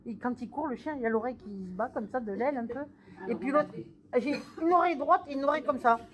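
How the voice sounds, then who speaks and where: A woman giving a psychic reading in a theatrical, drawn-out way. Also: sits high, a crowd in the background. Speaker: medium.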